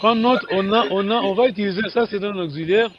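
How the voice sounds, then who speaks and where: High-pitched guy teaching over a call, slow and patient, lots of ums, dull muffled sound. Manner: patient, hesitant, many pauses and fillers. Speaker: language teacher. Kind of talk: online language lesson. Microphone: video call.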